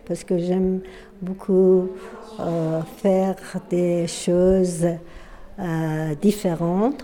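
A woman in her sixties, from Iran, introducing herself as an apprentice reporter in an unhurried way, pausing often with fillers. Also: lowish voice, mellow. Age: 60s. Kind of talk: self-introduction.

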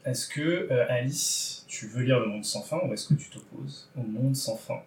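The speaker is a man hosting a book draw on a podcast, with casual chat that's playful, wordy, and teasing. He speaks at normal speed with a medium pitch, and the roomy recording picks him up from a distance, a little off-mic.

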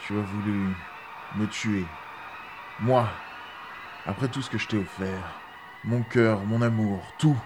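A man's voice: fairly low pitch, steady tone, slow, pauses often, noisy background. A man playing a stammering, panicked chancellor. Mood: stunned. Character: aging chancellor, terrified and pleading.

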